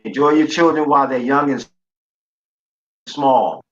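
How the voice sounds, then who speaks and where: A man's voice: mid-range voice, highs cut off. A man chatting casually on an online group call, his mic crackling and cutting in and out as he halts and restarts his words. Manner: halting, repeats and restarts words. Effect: mic cutting in and out with a crackly loose connection. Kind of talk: casual chat. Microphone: computer or phone mic on a video call.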